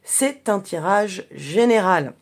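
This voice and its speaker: A chatty woman gives a casual tarot reading to her viewers, stopping often to hesitate and restart her sentences. Her voice sits at a middle pitch, and she talks while handling cards at her desk. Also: animated, takes it slowly. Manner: chatty, many fillers and restarts. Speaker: tarot reader.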